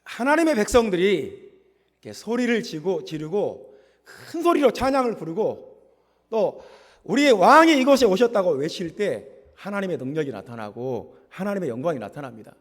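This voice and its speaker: A man preaching a Pentecostal sermon as pastor, building to loud proclamations. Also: on the high side, sing-song, moderate pace, long reverb tail. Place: church sanctuary.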